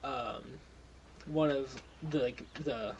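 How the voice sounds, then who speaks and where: A man's voice: mid-range voice, fairly even intonation, slow pace, muffled recording, noisy background. A young man narrating as game master in a casual, rambling way with frequent laughter.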